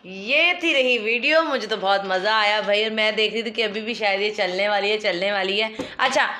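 A woman from Pakistan chatting casually to viewers after a clip, with quick interjections. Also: medium pitch, sharp tone. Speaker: reaction video host. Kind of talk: casual chat.

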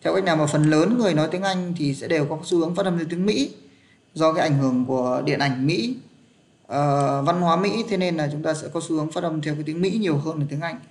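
A man's voice: fairly high pitch, fast talker. A man, teaching an English pronunciation class online and patiently checking that his students are following.

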